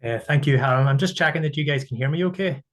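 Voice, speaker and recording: A man from Ireland, a guest speaker talking in an earnest, steady, reflective way over a video call. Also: on the high side, fast talker. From Northern Ireland. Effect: heard over a video call. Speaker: guest speaker sharing his story. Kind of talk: casual talk on a webinar.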